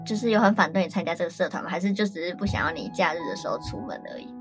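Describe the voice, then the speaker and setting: A woman's voice: on the low side, very fast, music in the background. A young woman from Taiwan co-hosting a casual radio chat, leading topics and asking her partner questions. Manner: asks questions, leads topics. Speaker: co-host.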